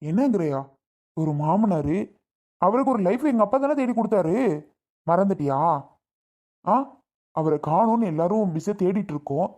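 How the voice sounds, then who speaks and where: A woman's voice: mid-range voice, lively intonation, normal speed, long pauses, mellow, close to an everyday voice. A woman playing a worried grown son who pleads with and scolds his sister in a family skit. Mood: accusing.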